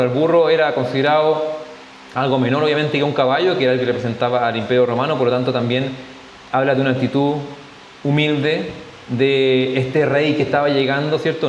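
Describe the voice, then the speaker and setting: Chilean man teaching in an echoey hall. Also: medium pitch. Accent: Chilean Spanish. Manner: conversational, often adds tag questions, jokes. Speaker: Bible study teacher. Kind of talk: church Bible study talk. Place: church hall. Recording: echoey hall, faint hiss.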